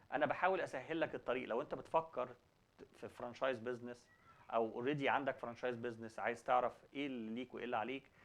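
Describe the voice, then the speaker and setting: A man with an Egyptian Arabic accent, a native Arabic speaker hosting a talk show, mixing Arabic and English and often restarting words. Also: mid-range voice. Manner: halting, repeats word beginnings.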